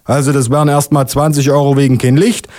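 A man's voice: mid-range voice, little pitch movement, fast talker, a little mellow, no room sound, studio quality, pitched above the performer's own voice, close to an everyday voice. A man voicing a folksy, chummy policeman in a spoken-word comedy piece.

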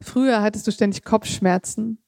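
Woman author, measured literary reading, warm mellow tone, dry close sound. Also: medium pitch, steady tone, creaky, dry recording. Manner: measured reading with occasional slips and casual asides. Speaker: author reading her own text.

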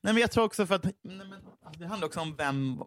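A man co-hosting a podcast in casual chat, animated, swearing freely and acting out what others said. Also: high-pitched. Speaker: podcast co-host.

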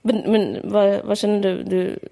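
A woman's voice: mid-range voice, flat delivery, vocal fry, warm tone. A woman chatting casually about a book, rambling with many fillers and speaking candidly and mockingly. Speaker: podcast co-host discussing a book. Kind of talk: casual chat.

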